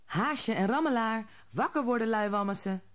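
A woman's voice: a little high, moderate pace, voice pushed up, natural voice. A woman voicing a cheerful, fond mother rabbit in a children's storybook. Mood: rousing.

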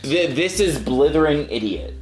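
A man's voice: a little high, animated, moderate pace. A man hosting a casual chat, explaining things in a talkative way and laughing often. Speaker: host. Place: indoors in New York. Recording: echoey room with faint music.

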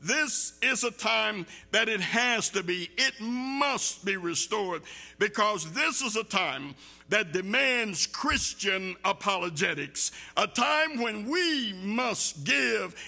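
A man's voice: high voice, lively intonation, slow, creaky. An older man preaching a sermon from a church pulpit, building force through repeated calls and questions. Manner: forceful, emphatic repetition with rising calls. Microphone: pulpit mic.

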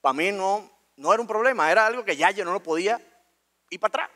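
A man with a Dominican accent telling a personal story on stage, colloquial and animated, acting out scenes. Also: sits high, quick pace. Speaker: speaker. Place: stage in a talk venue.

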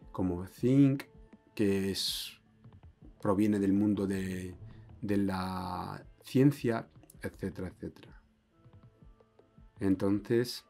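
Slow-talking man teaching Spanish. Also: medium pitch, darkish tone, husky. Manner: explains slowly, checks with "ok?". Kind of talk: online language lesson.

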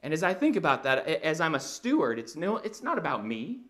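Animated man preaching a sermon. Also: a little high, brisk. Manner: animated, conversational preaching, walking the stage. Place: church auditorium with a projection screen.

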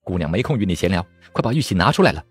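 A man's voice: low-pitched, sing-song, racing, slightly rough, no room sound, exaggerated voice. A man reading a storybook aloud, voicing a cold, scornful young female swordswoman who sneers and snaps impatiently.

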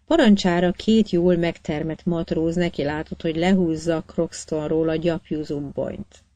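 A woman narrating an audiobook in a measured, even storytelling manner. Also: low voice, no room sound. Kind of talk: scripted narration.

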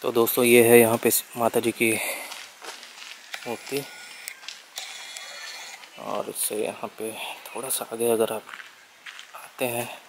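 A young man narrates a travel vlog while walking through a forest temple site. His delivery stays level and even. He calls the viewers friends and drops in English words. Faint outdoor ambience sits behind him, caught on a handheld camera mic. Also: mid-range voice, takes it slowly, long pauses, slight background noise. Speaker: travel vlogger.

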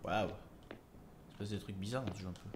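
A man doing let's play commentary, swearing and shouting at the game, then muttering joking asides. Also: on the low side, normal speed, heavy background noise. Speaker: gaming YouTuber.

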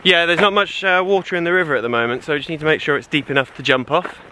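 A young man and father rambling casually to a handheld camera outdoors about his day, poking gentle fun at himself. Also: a little high, rapid-fire, noisy background. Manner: relaxed and rambling, self-deprecating. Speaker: vlogger, father. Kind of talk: casual travel vlog chat.

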